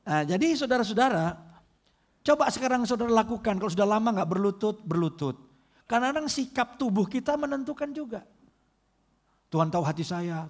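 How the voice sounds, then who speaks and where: In a husky voice on the high side, a middle-aged pastor delivers a lively sermon. He moves back and forth between comedic impressions and gentle, prayerful passages.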